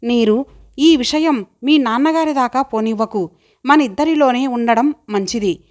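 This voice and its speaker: A woman's voice: a little high, measured pace, close to an everyday voice. A woman voicing an earnest young village woman who longs to study, speaking in a heartfelt, pleading way.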